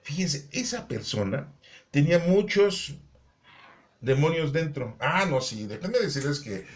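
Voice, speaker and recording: A man's voice: on the high side, very animated, unhurried. A man explaining the day's Bible readings in a casual, joking way, with asides and rhetorical questions. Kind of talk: conversational Bible commentary.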